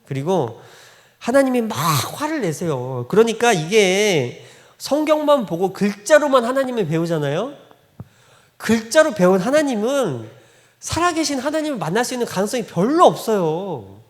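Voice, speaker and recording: A pastor with a high, very animated voice preaches a Sunday sermon in a church sanctuary at a normal speed, his pitch swooping up and down. He tells stories conversationally, acts out quoted dialogue and laughs often, while his voice rings through the hall with a long reverb tail.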